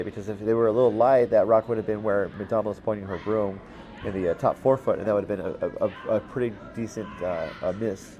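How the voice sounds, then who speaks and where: A man calling a curling game as commentator, relaxed and halting, with lots of fillers and restarts and the odd dry aside. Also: lowish voice, slight background noise. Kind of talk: play-by-play commentary.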